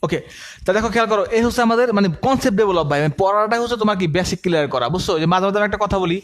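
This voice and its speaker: Fast-talking, high-voiced male coaching teacher. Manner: asks the class questions and answers them himself, repeats key terms; uses everyday comparisons to explain. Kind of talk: online lecture, dictating notes to students.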